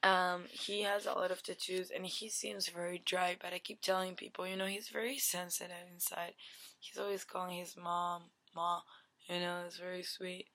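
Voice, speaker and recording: Young woman, deadpan comic vlogger, low flat delivery, rambling, recorded on a webcam at night. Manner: rambling, full of "like" and "you know". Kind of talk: deadpan comedic pitch. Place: dim bedroom at night. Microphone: webcam at desk.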